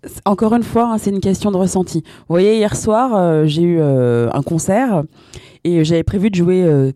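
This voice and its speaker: A woman from France talks through her answers in a mellow, dark-toned voice, stopping often on fillers and restarting her sentences. Her voice is recorded dry and close, with no room sound. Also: lowish voice, normal speed, no room sound. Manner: hesitant, many fillers and restarts. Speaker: singer guest. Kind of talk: radio interview answers.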